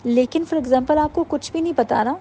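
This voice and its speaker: Woman teacher, patient explanatory talk, mellow higher voice, faint background hiss. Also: poor audio. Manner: patient, explanatory, sounds out letters slowly. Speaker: parenting workshop teacher. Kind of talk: informal lecture to mothers.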